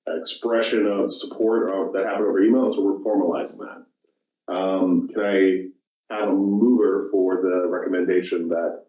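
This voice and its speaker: A man's voice: low voice, steady tone. A man chairing a public commission meeting, talking informally and correcting himself as he goes. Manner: informal, halting, self-correcting. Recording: roomy, distant, dull council room audio.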